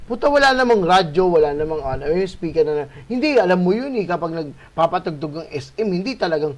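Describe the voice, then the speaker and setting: Man, host, high voice, animated casual storytelling, sprinkles swearing. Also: quick pace. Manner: animated, swears, many tag questions. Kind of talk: casual storytelling of a ghost encounter.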